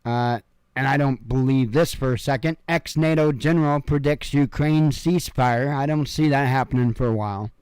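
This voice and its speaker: A man's voice: medium pitch, moderate pace, darkish tone, clean tone, dry recording. A man from Illinois casually reading news headlines at home and adding rambling, offhand asides full of fillers. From Illinois, USA. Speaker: news commentary host. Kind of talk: casual headline read-through with commentary. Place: home room.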